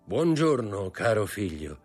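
A man voicing a grave, nervous older male impostor in an audiobook, with a husky voice. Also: on the low side, lively intonation, moderate pace, faint music behind, voice pushed up. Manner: grave, stiff, formal.

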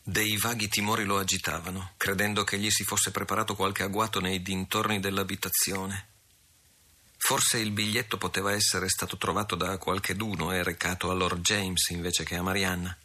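A man reads an adventure novel aloud in a measured, dramatic style. His voice is low and deep, yet it carries a very bright, forceful tone. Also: level tone. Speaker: audiobook reader. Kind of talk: scripted narration of an adventure novel.

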